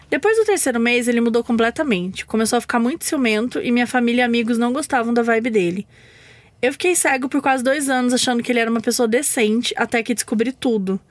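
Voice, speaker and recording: A woman's voice: on the high side, no echo. A woman from Brazil co-hosting a podcast, reading a listener's story in an easygoing way. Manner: easygoing, laughs along. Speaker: podcast co-host. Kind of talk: casual chat and story reading.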